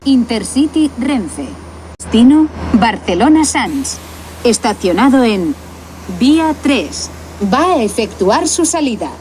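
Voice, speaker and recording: Woman's slow announcement over a PA system. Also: on the high side, big pitch swings, slight background noise. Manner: slow, measured, clipped phrases. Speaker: station announcer. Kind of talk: train station announcement. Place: railway station concourse. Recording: echoey loudspeaker in a large station hall, heard from far off.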